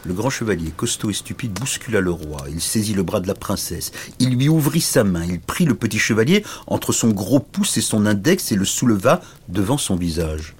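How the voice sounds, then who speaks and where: A middle-aged man reading a children's tale with a lively, swooping delivery and a playful manner. His voice sits at an ordinary pitch, and a faint hiss runs under the recording. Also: normal speed, few pauses. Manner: expressive, playful. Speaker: storyteller.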